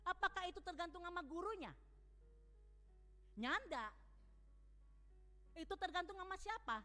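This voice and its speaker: Bright-voiced woman pastor preaching in an echoing church. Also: extremely high pitch, unhurried, faint music behind. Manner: lively preaching with rhetorical questions to the congregation. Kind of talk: sermon. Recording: long church hall reverb.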